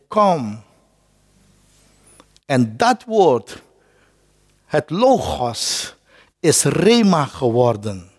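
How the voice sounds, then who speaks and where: Male pastor, slow dramatic sermon, high lively voice, long hall echo. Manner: repeats words while searching, dramatic shifts in pitch and pace for quotes.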